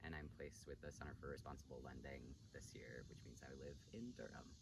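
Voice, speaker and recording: Young male volunteer, very low voice, slow and halting, taped from afar with background noise. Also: fairly even intonation, gravelly. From San Francisco Bay Area. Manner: unhurried, halting with fillers. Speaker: service corps member. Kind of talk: personal reflection to camera. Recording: distant mic, noisy background.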